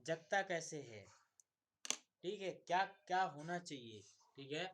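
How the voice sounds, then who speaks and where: A man teaching an online electronics class, repeatedly asking questions and answering them himself, loud on key words and quiet on asides. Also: fairly high pitch, lively intonation, measured pace, slight background noise. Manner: asks and answers his own questions, repetitive, coaxing; swings between loud emphasis and quiet asides.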